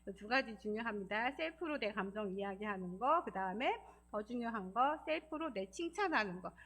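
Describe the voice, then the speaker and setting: A woman giving a church lesson, lively and encouraging, acting out quoted feelings in changing voices. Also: medium pitch, fairly quick. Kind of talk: Sabbath school talk.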